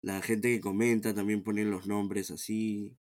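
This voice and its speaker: A man with a Peruvian Spanish accent, a guest talking calmly in an interview, often restarting and repeating words as he thinks. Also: lowish voice, measured pace. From Peru. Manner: calm, reflective, many restarts and repeated words. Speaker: guest, founder of a sports team. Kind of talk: casual interview conversation.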